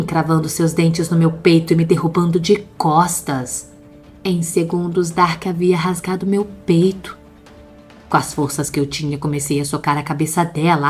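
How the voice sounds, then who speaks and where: Husky low-voiced woman narrating horror. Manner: tense, dramatic first-person storytelling. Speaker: storyteller. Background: faint background music.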